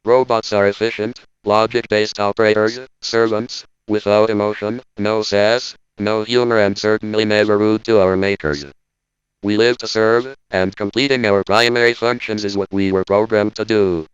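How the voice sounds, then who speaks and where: A man doing a deadpan, indignant robot spokesman. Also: lowish voice, normal speed, clear, resonant tone, no echo, lo-fi sound, close to an everyday voice. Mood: stern. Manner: stiff, deadpan lecture. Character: indignant male robot spokesman, cold and logical. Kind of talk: scripted parody monologue.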